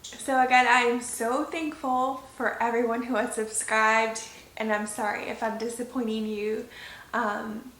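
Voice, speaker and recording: An American woman in her thirties speaking in an emotional, confiding, halting way, as in a casual personal vlog update. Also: a little high, fairly even intonation, a bit bright. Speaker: content creator, channel host. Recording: roomy echo.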